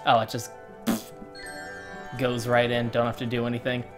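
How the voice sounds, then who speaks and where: A woman's voice: rumbling low, completely flat delivery, normal speed, over music. A woman giving casual, joking, sweary commentary as she streams a video game. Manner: joking, profane, giggly.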